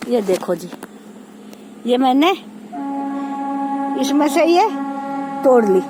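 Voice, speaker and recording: A woman's voice: high-pitched, very animated, slow pace. A woman, chatting casually to viewers while walking around her farm and pointing things out, recorded on a phone outdoors. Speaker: village vlogger. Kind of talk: casual walking tour vlog. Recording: faint outdoor noise.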